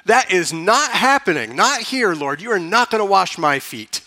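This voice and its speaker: A preacher voicing a blustering, impulsive disciple. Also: male voice, sits high, big pitch swings, moderate pace, pushed and bright, heavily acted. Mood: indignant. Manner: emphatic, all-or-nothing protests.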